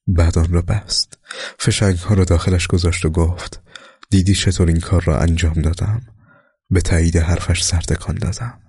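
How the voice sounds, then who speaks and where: A man reading war memoirs aloud in a slow, solemn, scripted narration that sometimes sinks to a soft whisper. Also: deep voice, slightly rough, dry recording, studio quality.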